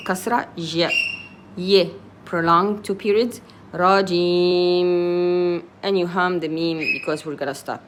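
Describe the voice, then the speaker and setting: Slow woman teaching recitation. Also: fairly low pitch, noisy background. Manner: sounds out each Arabic letter and vowel mark, then explains in simple English. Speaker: Quran reading teacher. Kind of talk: slow letter-by-letter recitation lesson.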